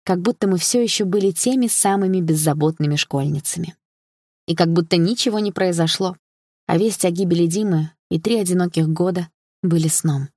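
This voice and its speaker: A woman narrating an audiobook in the first person, calm and steady. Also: fairly low pitch, brisk, dry recording, studio quality.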